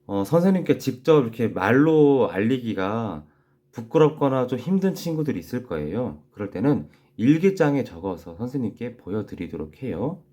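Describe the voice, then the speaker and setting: A man teaching young children in a recorded class, gently repeating key phrases slowly so they can write them down. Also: medium pitch, sing-song. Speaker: elementary school teacher.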